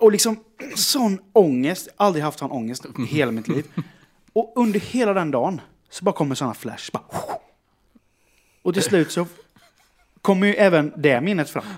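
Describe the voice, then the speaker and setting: Animated man telling a story. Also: on the high side. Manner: animated storyteller who acts out quotes. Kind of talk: casual anecdote.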